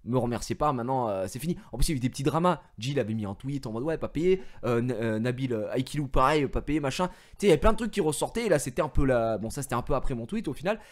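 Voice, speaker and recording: A male streamer telling a story to his viewers in an expressive way, swinging from mumbling to shouting and swearing, on a headset mic. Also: medium pitch, fast talker, hardly any pauses. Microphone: gaming headset.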